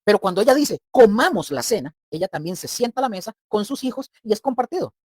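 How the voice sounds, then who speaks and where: A man's voice: sits high, expressive, fast, darkish tone, no room sound. Guy preaching a bible study, really emphatic, acts stuff out, dry close sound. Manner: emphatic and explanatory, addresses listeners as brothers, acts out everyday examples. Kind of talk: sermon-style Bible teaching.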